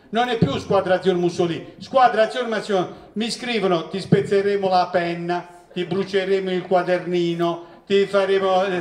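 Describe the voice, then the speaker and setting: Man in his sixties, humorous storyteller, roomy hall, far from the mic. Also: high voice. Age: 60s. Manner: joking, lively storyteller who acts out voices in quotes. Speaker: professor giving a public talk. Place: event hall with seated audience. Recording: echoey hall, distant mic.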